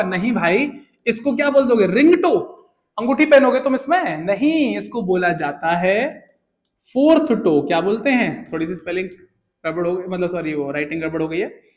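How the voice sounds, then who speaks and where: A young man teaching English words in a casual, joking lesson, often asking questions and answering them himself. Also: high-pitched. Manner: chatty, jokey, asks and answers his own questions.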